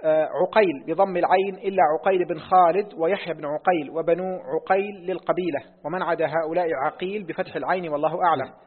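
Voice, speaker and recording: Fast, high-voiced man reading a text. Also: fairly even intonation, breathy edge. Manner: reads quickly, repeats lines on request. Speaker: student reading the text aloud. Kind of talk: reading a hadith text in class. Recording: tinny phone-like audio in a reverberant hall.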